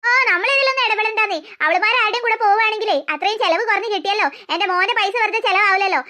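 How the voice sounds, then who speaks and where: A woman's voice: extremely high pitch, rapid-fire, sharp tone. A woman voicing a greedy, spiteful old grandmother in a cartoon, gossiping and scheming over family money.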